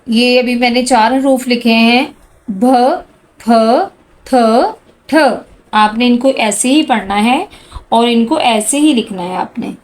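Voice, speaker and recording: A woman teaching a handwriting lesson to children, speaking slowly and patiently and calling out each letter sound as she writes. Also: fairly high pitch. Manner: slow, patient, addresses students as "beta"; calls out letter sounds one by one while writing.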